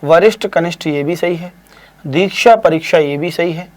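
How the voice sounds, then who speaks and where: High-voiced teacher drawing out spellings. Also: male voice. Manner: drawn-out slow spelling of words, brisk praise and teasing. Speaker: Hindi exam teacher. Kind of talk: live online quiz class.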